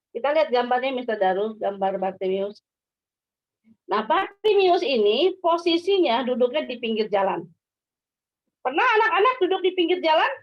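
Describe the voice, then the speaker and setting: A woman giving a school devotion, telling a story to children in an animated way and asking them questions. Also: high-pitched. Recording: dull lo-fi sound.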